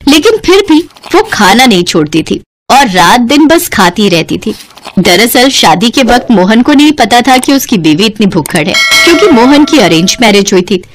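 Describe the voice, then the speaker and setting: Woman telling a cartoon story, high lively voice, dramatic delivery. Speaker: narrator. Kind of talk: scripted storytelling narration.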